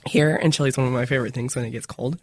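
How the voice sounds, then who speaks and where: A woman's voice: extremely low pitch, steady tone, very fast, darkish tone, dry recording, studio quality. A woman chatting casually as the co-host of a podcast. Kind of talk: casual chat.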